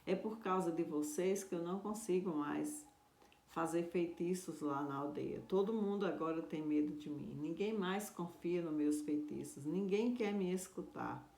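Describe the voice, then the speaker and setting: Woman voicing an angry bullying sorcerer uncle for a storybook, loud and resentful, roomy echo. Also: fairly high pitch, moderate pace, gravelly. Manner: shouting, resentful, raised voice.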